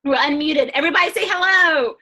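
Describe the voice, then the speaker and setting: A woman's voice: high voice, fast, bright, forceful tone. A woman hosting a casual webinar over a video call, chatty and upbeat, often laughing. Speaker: host.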